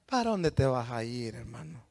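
A man preaching as a pastor, swinging between shouted praise and low, chatty asides to his congregation. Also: big pitch swings, moderate pace, creaky. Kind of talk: Pentecostal-style sermon.

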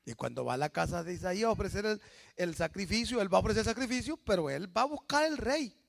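A man preaching a lively sermon with a gravelly voice, swinging between loud exclamations and hushed storytelling. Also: high-pitched, fast. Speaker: pastor.

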